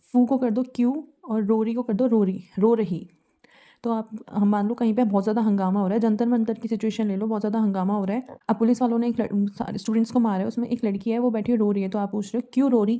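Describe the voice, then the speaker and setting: A woman's voice: medium pitch, dark tone. An Indian woman teaching English vocabulary in a casual lesson, explaining memory tricks with little acted scenes and mixing English words into her speech. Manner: mixes English words into Hindi.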